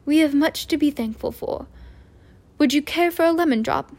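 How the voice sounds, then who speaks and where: A woman voicing a calm, gently amused old male wizard headmaster, in a mild, unhurried way. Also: high voice, pitched above the performer's own voice. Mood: gentle.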